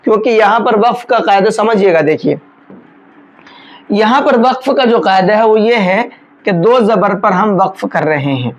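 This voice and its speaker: In a muffled recording, a mid-range-voiced teacher patiently goes through a tajweed lesson one rule at a time. Calm, plain explanations give way to slow chanted recitation of each word, then return to ordinary teaching.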